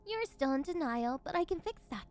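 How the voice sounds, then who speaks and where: A woman performs a possessive yandere villainess in an audio ASMR role-play. Her voice is high and swoops widely, slipping between sugary, teasing coos and unhinged, domineering commands, with music underneath. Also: big pitch swings, fairly quick. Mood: teasing, controlling. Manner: cooing, teasing baby-talk turning domineering, unhinged villain. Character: possessive, gleefully unhinged yandere woman, condescending captor of catboy.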